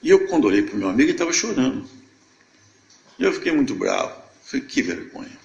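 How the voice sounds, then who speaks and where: Older man with a gravelly voice giving a testimony. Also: medium pitch, big pitch swings, quick pace, reverberant, muffled recording. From Brazil, Minas Gerais. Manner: storytelling that acts out remembered dialogue. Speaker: church member giving testimony. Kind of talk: emotional church testimony.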